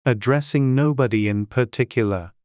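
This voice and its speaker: A woman's voice: very deep voice, moderate pace, a little mellow, dry recording, clean studio sound. A woman narrating a classic storybook in a dramatized audiobook reading.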